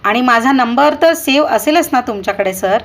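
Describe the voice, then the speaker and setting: A woman's voice: a little high, expressive, moderate pace, voice pushed up. A woman reading aloud, voicing a cheerful young man on the phone who sounds casual and puzzled.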